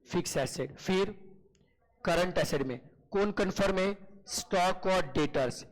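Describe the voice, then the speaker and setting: A man with a high voice teaches accountancy in an online class. He keeps asking his students short questions and answers them himself. He calls them "beta" in a familiar way. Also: unhurried, low-quality recording.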